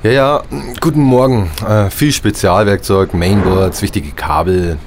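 An actor playing a businesslike male housing-company system administrator who talks briskly and brushes off complaints. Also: fairly low pitch, noisy background, natural voice. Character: smooth male company technician, brisk and dismissive.

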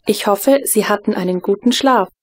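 A woman voicing a polite, servile smart home computer assistant in a radio drama, with a formal, measured, courteous delivery. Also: mid-range voice, lightly acted. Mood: polite, attentive.

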